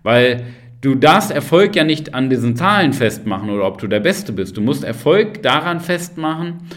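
A man's voice: mid-range voice, very animated, moderate pace, a bit bright. A man hosting a motivational podcast, talking straight to the listener, firing rhetorical questions and tagging on "ja?" and "ne?". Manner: addresses the listener directly with frequent tag questions. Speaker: podcast host and coach.

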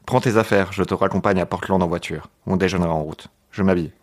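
A man's voice: low voice, fairly even intonation, quick pace. A French man co-hosting a podcast, reading a novel aloud in a mock-dramatic way with joking asides.

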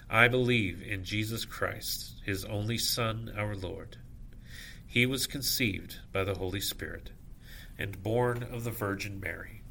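Man, prayer officiant, gravelly and bright, solemn measured liturgical recitation, some background noise. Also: on the low side. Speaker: officiant leading evening prayer.

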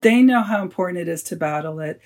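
A man's voice: high-pitched, expressive, quick pace. A man, an author, telling stories as a guest in an interview and acting out the lines he quotes. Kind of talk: storytelling in a podcast interview.

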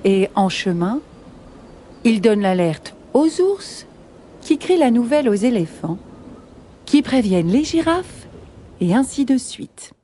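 A woman reading a children's story aloud in an expressive, unhurried way. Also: a little high.

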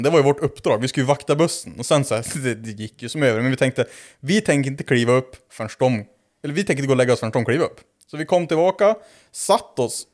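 Young man telling a wild story. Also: medium pitch. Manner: animated storytelling with acted quotes and laughter. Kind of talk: casual podcast chat.

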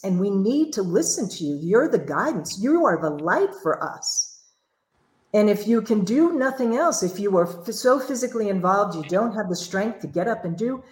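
A woman's voice: medium pitch, echoey room, low-quality recording. A woman hosting a livestream conversation, telling stories in an earnest, reflective way. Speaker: livestream host.

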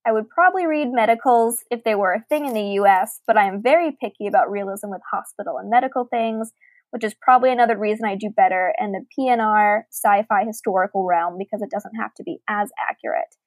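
Speaking quickly at a medium pitch, a podcast co-host reads out listener emails and talks books in a relaxed, articulate way. There's no room sound, though the recording quality is low.

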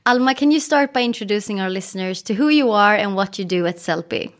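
A woman's voice: medium pitch, animated, fast talker. A woman hosting a podcast, reading scripted introductions and asking questions. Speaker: podcast host.

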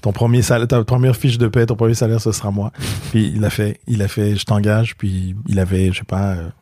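Speaking briskly in a lowish, warm but flat voice, this middle-aged comedian with a Québécois accent spins stories as a guest in a casual interview. He performs the quoted lines himself, restarting frequently and repeating words, on a dry, clean studio recording.

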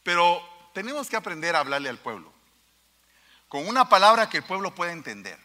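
A man preaches a sermon in a church hall, his voice high and very bright. He speaks emphatically, turning straight to his listeners. Long reverb trails each phrase. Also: sing-song, brisk. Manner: emphatic, addresses the congregation directly.

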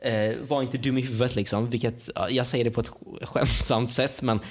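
A man's voice: medium pitch, fairly even intonation. A young man co-hosting a casual podcast chat, slangy and defensive, repeating words and calling his partner bro. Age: young adult. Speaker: podcast co-host.

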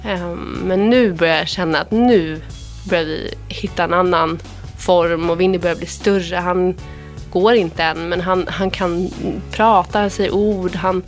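A woman in her thirties from Sweden tells a personal story as a podcast guest. Her voice sits low and she talks with open feeling. Faint music plays softly behind her. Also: fairly even intonation. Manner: emotional, quotes others in a retelling voice.

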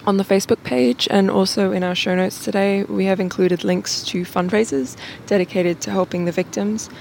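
A woman podcast host making an earnest, gentle announcement, heard on a low-quality phone recording. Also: fairly even intonation, moderate pace, vocal fry, a little hiss or hum.

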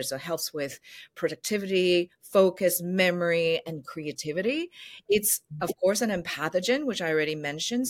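A woman with a slightly low voice talks as an interview guest. She explains earnestly and conversationally, leaning on key words and piling them into lists. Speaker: podcast guest, company founder.

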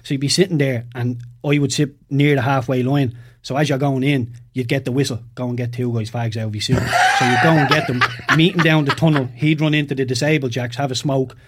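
Fast-talking ex-footballer telling stories. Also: male voice, medium pitch, husky. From Ireland. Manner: lively anecdotes, laughs while telling. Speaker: podcast guest, former footballer. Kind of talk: casual storytelling chat.

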